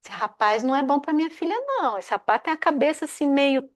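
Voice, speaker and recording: A woman's voice: high voice, animated, fast talker. A woman voicing a worried mother who frets over her daughter's suitor, speaking in a fretful, pleading way.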